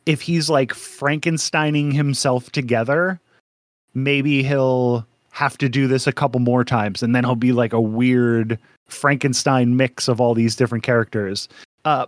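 A man's voice: mid-range voice, no echo, studio quality. A man co-hosting a casual podcast, rambling and joking with frequent laughs. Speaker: podcast co-host.

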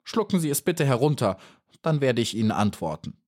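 A man's voice: a little high, huge pitch swings, moderate pace, slightly rough, pitched above the performer's own voice, full character voice. A man voicing a young female bee in a storybook, small, earnest and brave, pleading at times and firm at others. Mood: stern.

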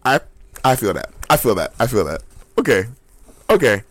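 A man co-hosting a podcast, chatting casually about comics and reacting with animated, high-pitched disbelief. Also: normal speed, dry recording. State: hiccups. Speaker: podcast co-host. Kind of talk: casual comic book chat.

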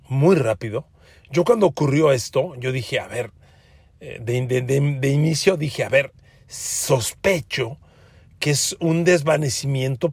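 This is a sports commentary monologue from a podcast host who has a Mexican Spanish accent. He addresses the audience as friends, speaks with emphasis, and repeats words to drive points home. His voice is medium in pitch and slightly rough, with no echo.

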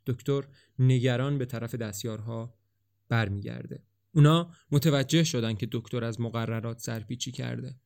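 Male storybook narrator with an even, measured delivery. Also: mid-range voice, vocal fry. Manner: steady, measured reading. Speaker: audiobook narrator.

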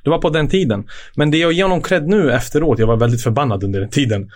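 A middle-aged man, a former footballer, telling casual stories as a podcast guest, acting out quotes and laughing often. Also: medium pitch. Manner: lively storyteller, acts out quotes, laughs often. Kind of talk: casual anecdotal storytelling.

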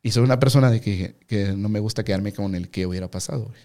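A young man with a Mexican Spanish accent telling a story in casual interview chat, slangy and animated, acting out the voices of the people he quotes. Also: lowish voice, fast talker. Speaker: guest.

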